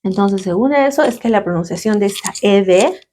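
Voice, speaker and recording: A woman's voice: mid-range voice, expressive, moderate pace, mellow, a little hiss or hum. A woman English teacher with a Latin American Spanish accent, explaining grammar patiently and checking in with her students through frequent tag questions. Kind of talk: slow grammar lesson.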